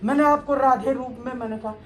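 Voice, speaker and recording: A woman from Delhi gives an earnest testimony with a fairly high voice. She recounts her story to a spiritual leader, quoting exclamations along the way. Faint hiss runs under the recording. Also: steady tone, fast talker. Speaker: devotee. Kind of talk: emotional testimony.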